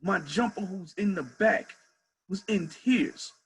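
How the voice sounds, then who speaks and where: A man with a somewhat high-set voice recounts a story in a loose, conversational way, circling back to repeat key phrases. He speaks as a head coach, lively and emphatic, with a faint hiss of noise behind him. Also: slow pace, rough recording. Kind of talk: casual storytelling.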